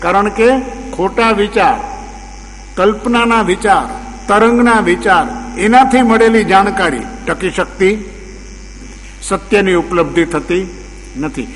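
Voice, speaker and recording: A man's voice: sits high, slow pace, long pauses, a bit bright. A man giving a religious discourse, full of rhetorical questions and emphatic repetitions. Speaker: spiritual preacher. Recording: long hall reverb, faint mains hum.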